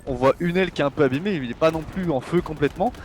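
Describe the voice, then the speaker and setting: A man's voice: on the high side, rapid-fire, darkish tone. A man commentating a match live as an esports caster, informal and conversational, often repeating phrases. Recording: faint gunfire and game noise behind.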